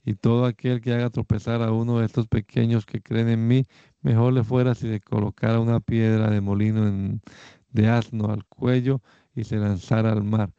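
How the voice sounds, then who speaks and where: A man reads scripture aloud in a warm, smooth voice. He keeps a measured, steady pace and raises his pitch slightly for quoted speech. The recording is dry and a little dull, with a slightly lo-fi sound. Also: no room sound. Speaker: Bible reader.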